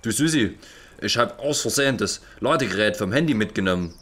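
A man's voice: fairly low pitch, expressive, brisk, fairly bright tone. A man playing a forgetful, flustered police inspector and father in a children's audio play. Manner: flustered, fussy, absent-minded.

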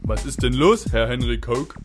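A man's voice: medium pitch, animated, moderate pace, music in the background, lightly acted. A man voicing an insistent, tattling know-it-all friend in a children's puppet play.

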